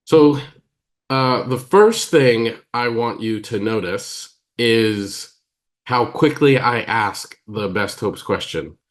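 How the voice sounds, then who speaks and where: A man with an American accent, giving a teaching talk as a therapist, emphatic and pausing deliberately, acting out quoted dialogue. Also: medium pitch. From United States. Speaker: psychotherapist and trainer.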